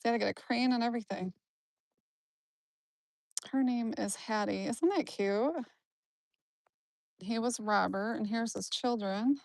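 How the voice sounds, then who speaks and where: A woman with a somewhat high voice strolls through an outdoor cemetery, streaming live from her phone. She chats casually and answers viewers as she goes. Her voice sits close and dry, with no room sound around it. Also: measured pace, gravelly, pauses often, a little mellow, dry recording. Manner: chatty, answers live comments as she walks. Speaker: genealogy vlogger.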